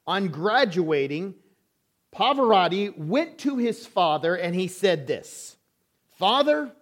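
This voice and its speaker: A man's voice: high-pitched, big pitch swings, slow. A man preaching a sermon in a church as an elder, telling stories and acting out family conversations. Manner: storytelling, acts out family dialogue.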